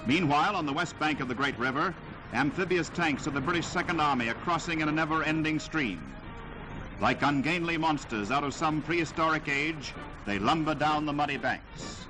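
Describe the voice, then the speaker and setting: A man's voice: fairly high pitch, moderate pace, low-quality recording. A man narrating a 1940s wartime newsreel in a dramatic, declamatory delivery, heard on an old newsreel soundtrack. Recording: loud music score underneath.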